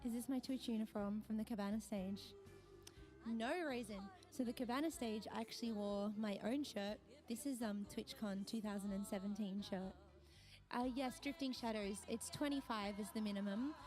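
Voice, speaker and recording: Slightly husky woman with added reverb. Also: medium pitch, steady tone, normal speed, darkish tone, faint music behind. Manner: chatty, thanks viewers and restarts phrases. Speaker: livestreaming singer. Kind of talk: casual livestream chat. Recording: voice with long added reverb tail.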